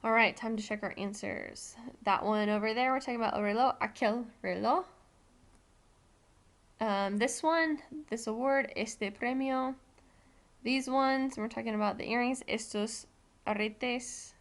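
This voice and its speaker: A woman's voice: fairly high pitch, a little slow. An American woman Spanish teacher giving a recorded classroom lesson, explaining patiently step by step with frequent ums.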